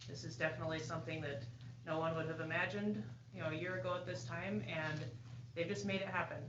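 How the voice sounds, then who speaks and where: A woman's voice: lowish voice, fairly even intonation, fast. A woman school board member chairing the meeting, speaking in a plainspoken, chatty way. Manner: warm-hearted, plainspoken, chatty asides with "you know". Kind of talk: public remarks at a board meeting. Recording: echoey, dull room recording with hiss.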